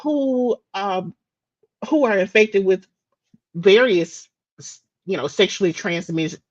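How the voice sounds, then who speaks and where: A woman's voice: medium pitch, expressive, slow, dry recording, muffled recording. A woman from the United States presenting daily facts in a casual live-stream chat, talking freely with restarts and fillers. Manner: chatty, with frequent restarts and fillers.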